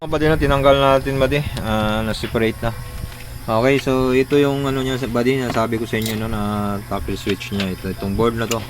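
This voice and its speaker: A man with a Filipino accent hosts a casual electronics repair tutorial, talking informally through each step as he works with his hands. His medium-pitched voice has fairly even intonation and runs a little fast. The background is noisy.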